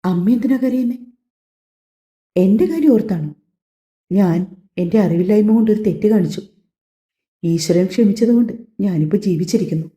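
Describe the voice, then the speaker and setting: A woman voicing a young married daughter who calmly reassures her parents and stands firm, in an audio story. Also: mid-range voice, moderate pace, long pauses, natural voice. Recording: echoey, slightly dull home recording.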